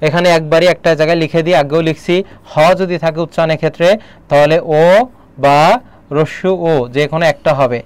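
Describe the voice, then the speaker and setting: A Bangladeshi man leads an online exam-prep lesson, firing quick questions at his students as he explains. His voice sits high and smooth, and the sound is dry and close. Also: little pitch movement, no room sound. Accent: Bangladeshi Bengali. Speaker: teacher.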